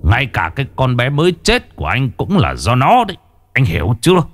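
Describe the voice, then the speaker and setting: A man voicing a stern, gruff one-eyed exorcist master who speaks in a low, reproachful tone in a spoken ghost story. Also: wildly swooping pitch, fairly quick. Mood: grave warning.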